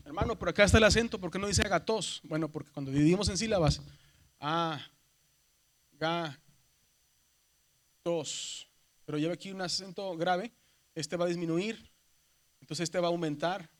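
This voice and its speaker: High-voiced man teaching a class. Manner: explains patiently, often checks understanding with "verdad". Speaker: seminary Greek teacher. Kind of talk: classroom lecture.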